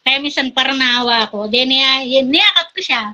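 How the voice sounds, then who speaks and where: A woman's voice: high-pitched, moderate pace, sharp tone. A woman telling funny stories in casual chat and laughing often. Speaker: guest.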